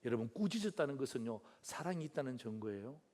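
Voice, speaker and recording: A male pastor preaching a Sunday sermon, calling out to the congregation and asking rhetorical questions, swinging from loud emphatic lines to soft, low asides. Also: sing-song, quick pace. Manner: keeps calling out to the congregation directly.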